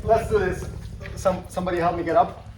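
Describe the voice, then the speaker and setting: Higher-voiced man reviewing in a roomy space. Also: fairly even intonation, a little fast. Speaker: product reviewer. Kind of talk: casual hands-on product review. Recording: roomy echo, background noise, clicks.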